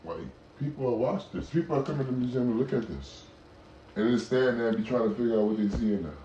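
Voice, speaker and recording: A man's voice: medium pitch, lively intonation, fast, mellow, dull audio, slight background noise. A man making casual, teasing remarks in an informal chat.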